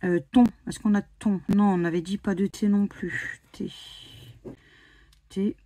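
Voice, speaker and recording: French woman, slow husky scratch-card commentary, spells letters aloud. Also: medium pitch, little pitch movement, mellow, no echo. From France. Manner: spells out letters one by one, muttering and hesitant. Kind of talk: casual commentary while playing scratch cards.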